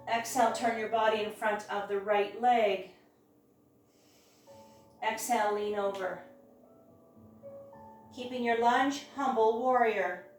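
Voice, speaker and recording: Careful, unhurried woman yoga instructor, very echoey. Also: fairly high pitch. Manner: careful, unhurried, step-by-step guiding. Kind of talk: guided hatha yoga class instruction. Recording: very echoey room, distant mic, music.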